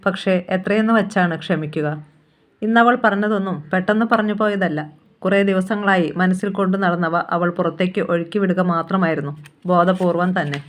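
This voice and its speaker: Audiobook narrator, steady and measured, straight novel reading. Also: mid-range voice.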